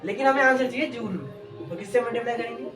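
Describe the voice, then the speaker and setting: A woman's voice: a little high, fast talker. A woman chemistry teacher giving an exam-prep lecture, asking questions and answering them herself while repeating key terms. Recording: echoey room, distant mic, background music.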